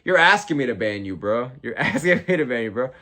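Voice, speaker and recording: A man's voice: medium pitch, very animated, brisk, sharp tone. A young man talking like a slangy, profane frat bro as he hosts a casual fight watch-along and answers chat. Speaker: livestream host.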